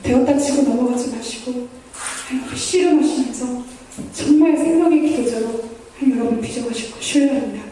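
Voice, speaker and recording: A woman's voice: a little high, brisk, mellow, a little hiss or hum. A woman missionary preaching a sermon, earnest and pleading, acting out prayers in the first person. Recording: echoey hall from far off.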